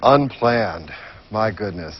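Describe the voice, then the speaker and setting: A man's voice: on the low side, animated, slow pace. A man playing as a game show contestant, jokey and thinking aloud as he answers. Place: TV studio with audience. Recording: dull vintage TV recording, some crowd.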